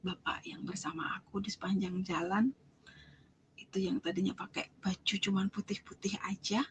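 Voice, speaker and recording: Animated young woman telling her testimony. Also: medium pitch, moderate pace, slight background noise, poor audio. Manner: animated storytelling, acting out quoted dialogue, drops to whispers. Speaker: testimony giver. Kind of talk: spoken personal testimony.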